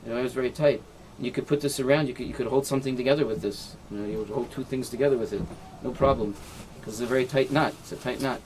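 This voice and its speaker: Rabbi explaining knots step by step. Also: male voice, mid-range voice, fast, few pauses, darkish tone, slight background noise. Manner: explains step by step, often checks with "right?"; mixes Hebrew and Yiddish terms into English. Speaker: rabbi teaching a class. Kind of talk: informal halacha lesson with demonstration.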